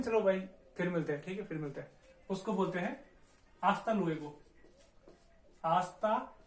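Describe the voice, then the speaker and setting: A man with a rather high voice teaches beginners in a casual, patient way, saying each new word several times over. He keeps checking in with the class as he goes. The sound carries a roomy echo. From India. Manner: patient, repeats each word many times with frequent "okay". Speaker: Spanish teacher. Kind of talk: casual spoken language lesson.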